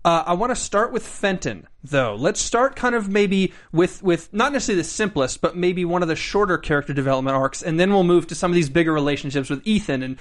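A man's voice: sits high, lively intonation, quick pace, few pauses. A man hosting a casual panel chat in a studio, upbeat and joking. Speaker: host.

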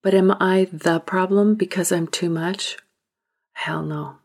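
A woman hosting a podcast, speaking a reflective monologue in a deliberate, emphatic way that sometimes drops to a whisper. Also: on the low side, fairly even intonation, a little mellow. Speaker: podcast host.

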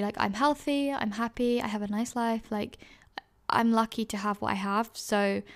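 Chatty young woman with a creaky voice. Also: mid-range voice. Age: 20s. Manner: chatty, many fillers and self-corrections. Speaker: podcast host. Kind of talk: casual advice chat.

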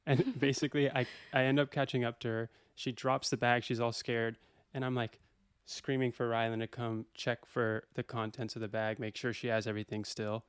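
A young man, a podcast guest, telling a story in casual chat, animated and laughing often. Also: mid-range voice, normal speed, few pauses, clean tone, dry recording, studio quality.

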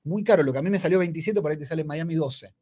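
A man's voice: on the high side, very fast, mellow, slightly rough. A man co-hosting a casual podcast chat, repeating himself and calling his friend "amigo". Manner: chatty, repeats himself, says "amigo" often. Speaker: podcast co-host.

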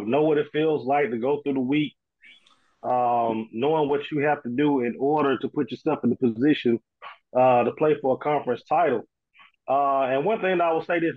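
A man's voice: medium pitch, phone-quality sound. A man giving casual, informal sports commentary as a panel analyst. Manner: informal, conversational, often says "man".

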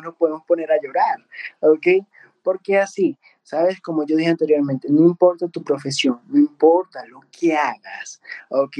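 Earnest man with a slightly high voice. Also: dark tone, rough recording. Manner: earnest, keeps adding a questioning "ok?" tag. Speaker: spiritual medium. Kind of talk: casual conversation.

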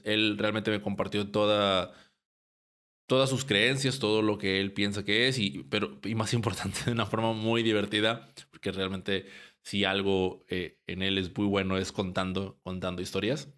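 A young man from Mexico, hosting a casual podcast and talking in a relaxed, rambling way with many restarts. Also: lowish voice. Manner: relaxed, rambling with frequent restarts and short laughs. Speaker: podcast host. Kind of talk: casual podcast intro and interview.

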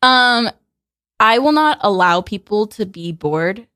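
A woman in her twenties chatting as a guest in a radio studio interview, sarcastic and quick to laugh, with lots of "like" fillers. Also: mid-range voice, expressive, pushed and bright, no room sound. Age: 20s. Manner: chatty and sarcastic, laughs often, heavy use of "like". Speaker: guest musician. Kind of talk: casual interview chat. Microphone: studio mic.

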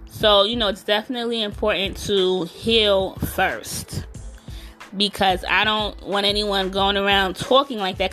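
A woman speaks close to the mic in a casual solo podcast. She coaches listeners in a frank, emphatic way and fills her speech with "you know". Faint music plays softly behind her. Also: mid-range voice. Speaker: podcast host and self-love coach.

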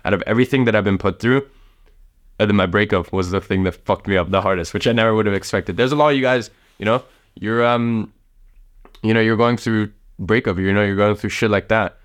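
Talking to camera with life advice, a young man in his late teens from the south of Russia gives a casual motivational ramble, full of fillers and frequent swearing. He speaks a little fast, in a fairly low-pitched voice.

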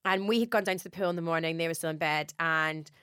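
A quick, chatty woman tells a story in a relaxed, casual way. The recording is dry and close, with no room sound. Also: low voice, clear, resonant tone, no room sound. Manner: chatty, animated storyteller with many "like"s. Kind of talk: casual chat.

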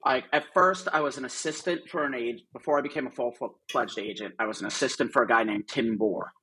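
A middle-aged man appears as a podcast guest, an artist manager swapping career stories in a casual interview. He talks a little fast in a mid-range voice with a bright, forceful, slightly rough tone, rambling chattily through many asides and fillers. The recording itself is rough.

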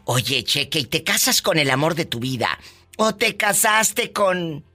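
A man hosting a radio call-in show, teasing callers with flamboyant, quick jokes. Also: fairly high pitch, big pitch swings, sharp tone. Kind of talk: playful radio call-in banter.

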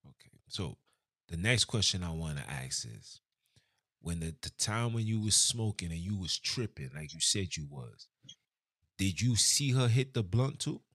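Male host, very deep voice, dry close sound, probing and repetitive questions. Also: sing-song, a little slow, a bit bright, husky, dry recording. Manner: probing questions, repeats his words. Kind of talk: casual interview talk.

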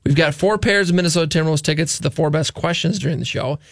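A gravelly-voiced man hosts a live call-in radio show, his pitch sitting a little high for a man. He talks fast, stumbling into restarts and fillers. The studio sound is close and dry. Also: no room sound.

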